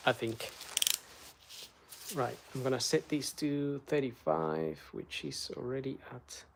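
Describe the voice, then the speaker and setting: This middle-aged vlogger, a native Spanish speaker, has a gravelly medium-pitched voice and speaks at a slow pace. He gives a laid-back how-to while servicing a car, chatting with viewers in live chat. The recording carries a little hiss or hum.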